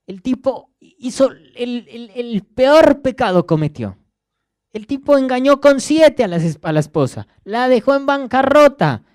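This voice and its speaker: A man's voice: extremely high pitch, a little mellow, no room sound, studio quality. A young man in his twenties with a Rioplatense accent, preaching a sermon in a conversational way and often repeating words as he searches for the next one. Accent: Rioplatense Spanish. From Argentina.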